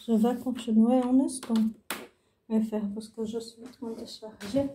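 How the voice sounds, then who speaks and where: Slow, halting woman. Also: a little high, steady tone, noisy background. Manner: halting, searching for words, repeating phrases. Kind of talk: personal religious testimony, unscripted.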